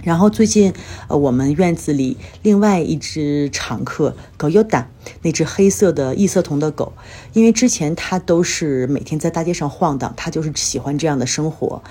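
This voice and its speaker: This Chinese podcast host has a low, warm, slightly rough voice and keeps a moderate pace. Alone at the mic, she gives a relaxed life update full of everyday stories, sounding somewhat tired and unwell.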